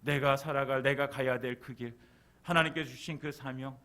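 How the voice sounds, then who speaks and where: A man preaching a sermon as pastor. He repeats key words for emphasis and acts out scolding quotes, and at times climbs to loud, high passages. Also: steady tone, moderate pace.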